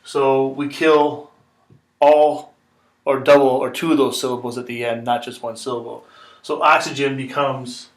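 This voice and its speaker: This classroom explanation comes from a man teaching chemistry, patiently going over steps again and asking "okay?" along the way. His mid-range voice is flat and a little slow, recorded in an echoey room from a distant mic.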